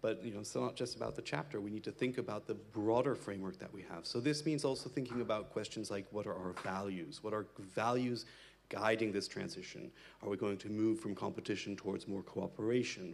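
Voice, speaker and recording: Male panelist in his thirties, low husky gravel, reflective answers. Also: a little fast. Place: stage in a large hall. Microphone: handheld mic.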